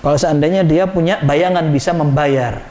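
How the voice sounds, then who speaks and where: High-voiced preacher. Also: male voice, moderate pace. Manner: lively, acts out quoted villagers and chants. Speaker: ustadz giving a mosque lecture. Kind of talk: sermon. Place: mosque. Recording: echoey mosque room.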